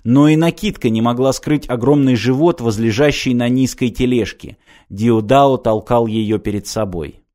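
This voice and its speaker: Man reading an audiobook, steady and measured, normal pitch. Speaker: audiobook narrator. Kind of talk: scripted narration.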